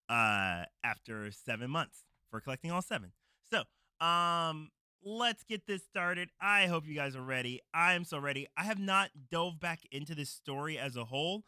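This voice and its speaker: A man's voice: mid-range voice, sharp tone, smooth, no echo. A man hosting a livestream with casual, upbeat, appreciative chat in an informal manner. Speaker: streamer, host.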